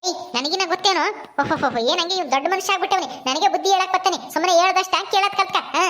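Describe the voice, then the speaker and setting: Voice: very high voice, racing, a bit bright, a little hiss or hum. A performer voicing a bossy, scheming old grandmother who scolds and lectures a boy in a home-made family drama. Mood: scornful.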